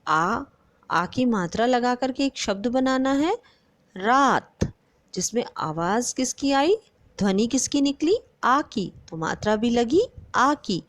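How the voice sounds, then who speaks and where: Slow, lively-voiced woman teacher. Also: fairly high pitch, no room sound. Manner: slow and deliberate, stretching out example words; addresses the pupils often and asks them questions. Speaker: primary school teacher. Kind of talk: online grammar lesson for young children.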